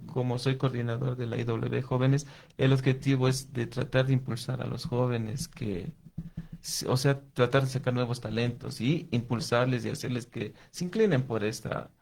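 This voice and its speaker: Speaking as an interview guest, this watercolor artist and youth coordinator talks with an Ecuadorian accent, often starting his sentences over as he explains things conversationally. The voice sits at a medium pitch with a creaky, somewhat dark quality.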